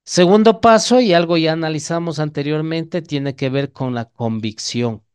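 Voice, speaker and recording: A man with an Ecuadorian Spanish accent delivers an evangelical sermon in a teaching manner, often posing questions to his audience. His fairly high voice is clear and resonant, a little mellow, and moves at a moderate pace.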